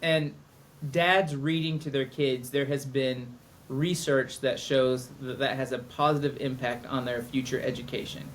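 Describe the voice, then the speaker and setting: A man's voice: mid-range voice, fairly even intonation, a little slow. Male podcast co-host, middle-aged, casual, self-deprecating, light room noise. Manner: chatty, self-mocking, playful. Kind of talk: casual chat.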